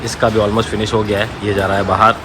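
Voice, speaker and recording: A hoarse man working as a dog trainer who explains things calmly in a casual vlog and breaks off to call loud, sharp commands to the dogs. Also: on the low side, fast. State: hoarse from a sore throat. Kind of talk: casual vlog narration while handling dogs. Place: outdoors at a dog hostel. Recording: noisy outdoor recording with barking dogs. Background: dogs barking.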